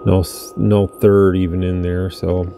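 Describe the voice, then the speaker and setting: A man reviewing a radio talks through a casual demo at his workbench indoors, rambling easily as he fiddles with the equipment. He speaks at a measured pace in a low voice with vocal fry, over slight background noise.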